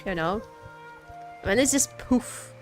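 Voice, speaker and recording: Soft music plays under a woman's livestream as she games and chats casually, expressively, often echoing her own phrases. Her voice leans high, with plenty of expression and a slow delivery.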